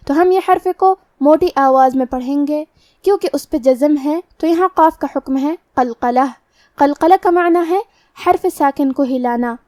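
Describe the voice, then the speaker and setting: A woman teaching Quran recitation rules, explaining each letter methodically and reciting verses slowly and drawn out. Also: high-pitched, warm tone, no room sound, clean studio sound. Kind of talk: tajweed lesson with slow recitation.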